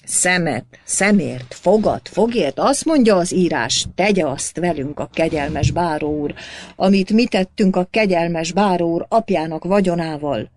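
A woman's voice: lowish voice, lively intonation, no room sound. A woman voicing an old male village priest, guilt-ridden and fervent, who pleads and cries out in anguish. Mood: pleading. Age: older. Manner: pleading, then shouting in anguish.

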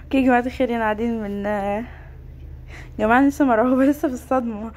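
A young woman, giving an excitable game voice-over commentary and exclaiming often. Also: on the high side, racing, a little hiss or hum. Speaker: gaming YouTuber. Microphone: home microphone voice-over.

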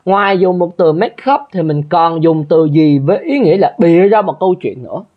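A man's voice: on the high side, a little fast, phone-quality sound. A male English teacher, going over an exam in a chatty way and often checking that listeners follow. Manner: chatty, keeps asking listeners to confirm. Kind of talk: exam review lesson.

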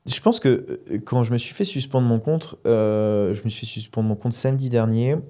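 Podcast co-host, male, deep mellow tone, loose rambling delivery. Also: moderate pace. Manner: relaxed, rambling with many fillers. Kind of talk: casual podcast chat.

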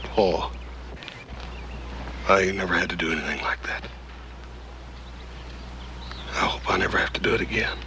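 An actor in his thirties playing a big, gentle, guilt-stricken cowboy son in a TV western, with a rural Western American accent and halting, plain-spoken speech. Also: medium pitch, lively intonation, close to an everyday voice. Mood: anguished remorse. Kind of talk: TV western drama acting. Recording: noisy old television soundtrack.

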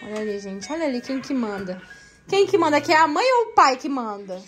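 Soft music plays behind a high-pitched young mom who talks fast to her viewers. Filming her family at home on a phone, she keeps this family vlog chat lively and chatty.

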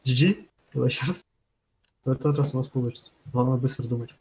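Male gamer with a dark, mellow tone, brief casual interjections, faint background noise. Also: medium pitch, steady tone, fast talker. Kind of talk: casual chat while playing a horror game.

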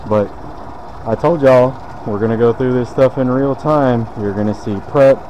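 A man's voice: mid-range voice, normal speed, dark tone, slight background noise, poor audio. A man, casually explaining a car detailing task as he works. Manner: laid-back, talks while working. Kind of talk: casual how-to demonstration. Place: detailing shop.

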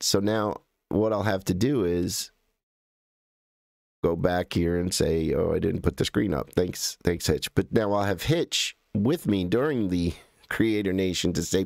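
A man's voice: on the low side, a little mellow, no room sound, clean studio sound. An American man hosting a livestream, rambling and correcting himself as he thinks aloud while clicking through images. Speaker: livestream host. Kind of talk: casual livestream commentary.

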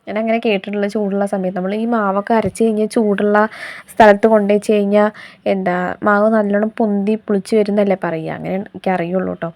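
Fast-talking woman with a slight cold. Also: medium pitch, little pitch movement, darkish tone. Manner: chatty, homely, explains each step. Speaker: vlogger and homemaker. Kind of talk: casual day-in-my-life narration while cooking.

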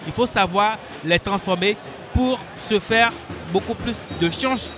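A man giving animated live football commentary and analysis, halting and repeating words as he explains. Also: high voice, music in the background.

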